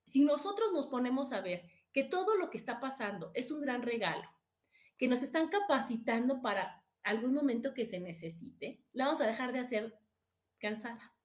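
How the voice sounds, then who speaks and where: A woman's voice: a little high, expressive, normal speed. A middle-aged woman with a Mexican accent, hosting a casual motivational live stream, chatting directly with her viewers and reading out their comments.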